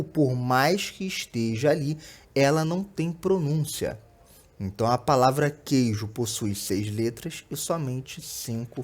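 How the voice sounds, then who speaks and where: Teaching an online slide lesson, a young Brazilian Portuguese-accented man speaks in a mid-range voice with a darkish tone. He explains things patiently and often adds quick check-ins like "né?" and "tá?".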